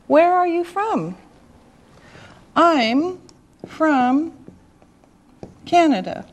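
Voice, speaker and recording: A woman's voice: sits high, very animated, drawn-out words. A woman teaching a beginner language lesson, speaking with careful enunciation and repetitive drilling. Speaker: English teacher.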